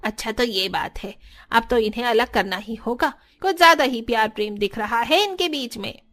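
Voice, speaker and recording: A woman's voice: on the high side, moderate pace, fairly bright tone, close to an everyday voice. A woman voicing a sly, scheming aunt-in-law. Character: scheming meddling aunt-in-law stirring up family fights. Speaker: voice actor. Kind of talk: dubbed cartoon dialogue.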